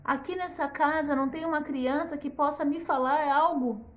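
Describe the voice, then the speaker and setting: A woman's voice: sits high, fairly even intonation, moderate pace, pitched above the performer's own voice, natural voice. A woman voicing a spoiled, bossy little king who demands and pleads in a children's story. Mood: pleading. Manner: demanding, shouting.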